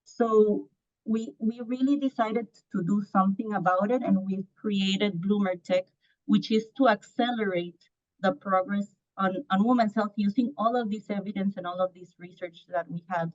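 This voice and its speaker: Speaking on a panel, a woman in her thirties from Costa Rica who founded a startup gives earnest answers full of restarts and fillers. She has a medium, steady, slightly mellow voice at a moderate pace. The lo-fi recording sounds muffled.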